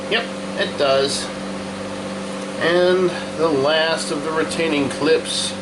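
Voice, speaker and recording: A man's voice: a little high, slow. A man giving casual, folksy how-to commentary, talking himself through each step as he works in a shop. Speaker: host of a hands-on repair video. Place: hot workshop with a fan running. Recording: constant fan and hum noise behind voice. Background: running fan, steady hum.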